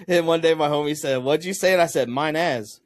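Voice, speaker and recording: A man hosting a casual podcast over a call, joking with profanity and laughing loudly. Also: steady tone, fairly quick, dry recording. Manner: profane, jokey, laughs loudly and jumps high in pitch when amused. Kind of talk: casual chat. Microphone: video call.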